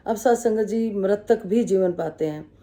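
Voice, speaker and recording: A woman's voice: medium pitch, unhurried, warm tone. A woman giving a spiritual testimony talk, humbly telling her own story to devotees with quoted dialogue. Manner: humble, calls herself the servant and addresses listeners respectfully. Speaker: devotional speaker.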